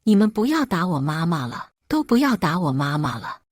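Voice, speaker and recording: A young boy in a storybook reading begs through choked tears, as a woman reads him out. His pleas climb and fall with lively pitch, in a dry, close sound. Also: normal speed, no echo. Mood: pleading. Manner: pleading, choked. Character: tearful young boy defending his mother.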